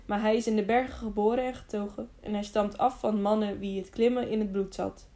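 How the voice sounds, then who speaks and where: A woman reading an old male hermit in an audiobook, speaking softly and solemnly. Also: mid-range voice, steady tone, brisk, close to an everyday voice.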